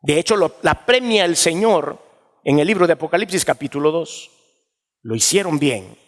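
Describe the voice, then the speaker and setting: A man's voice: on the high side, animated, normal speed. A man preaching a sermon as pastor, emphatic and dramatic, acting out members of his congregation. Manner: emphatic preaching, rising dramatically, voicing churchgoers. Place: church sanctuary. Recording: reverberant church hall.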